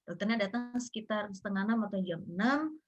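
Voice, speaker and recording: A woman's voice: lively intonation, fast, muffled recording. A woman, earnestly telling her own painful experience as an interview guest, acting out what people said. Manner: earnest, acts out quoted dialogue with rising pitch. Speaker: guest sharing a personal story. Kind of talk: emotional personal storytelling.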